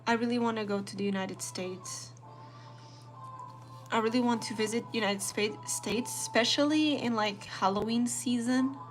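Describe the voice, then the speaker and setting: A woman's voice: fairly high pitch, normal speed, faint music behind. Young Portuguese woman chatting while journaling. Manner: chatty, relaxed, talks to viewers while drawing. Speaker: planner artist and vlogger. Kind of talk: casual live-stream chat while journaling.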